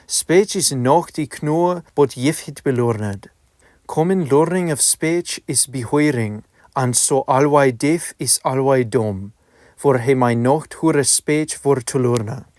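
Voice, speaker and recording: A man reading a text aloud in Middle English, with archaic pronunciation and a deliberate, measured delivery. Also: mid-range voice, darkish tone, no room sound, clean studio sound.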